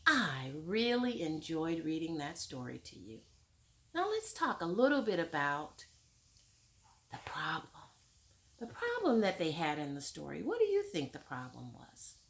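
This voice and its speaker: Reading a picture book to kids, this woman speaks a little slowly with a fairly low voice, huge swings in pitch, and frequent pauses. She then talks the book over with them like a warm teacher, putting questions to the children.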